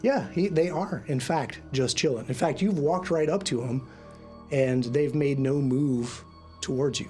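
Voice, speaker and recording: A man with a medium-pitched voice acts as game master. He narrates a tabletop game in a casual, halting way, with music clearly playing behind him. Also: a little mellow. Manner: informal, halting.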